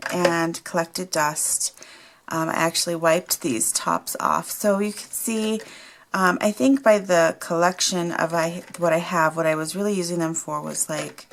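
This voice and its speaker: A woman chats casually at her home craft desk in a slightly low, gravelly morning voice. She takes her time, rambles from one thought to the next, and laughs as she goes. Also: slight background noise. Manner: rambling, chatty, laughs often. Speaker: craft vlogger. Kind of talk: casual chat.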